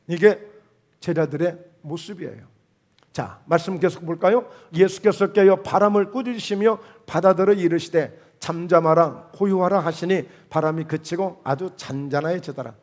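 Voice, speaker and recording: A man's voice: high-pitched, normal speed, darkish tone. A man with a Jeolla Korean accent preaching a sermon as pastor, emphatic, with rhetorical questions and quoted dialogue. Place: church sanctuary.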